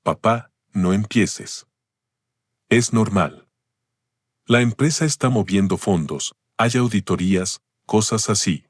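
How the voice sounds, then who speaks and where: A grown son answers his father in a curt, condescending way, as a male narrator puts him on. The voice is low, and the recording is dry. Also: slow pace, slightly rough, dry recording. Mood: dismissive. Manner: dismissive and condescending. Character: curt, impatient adult son.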